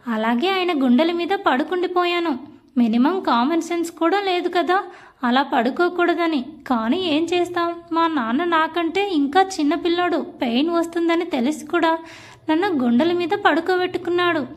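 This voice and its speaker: High-voiced woman narrating a story. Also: normal speed. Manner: emotional first-person storytelling. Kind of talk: scripted audiobook narration.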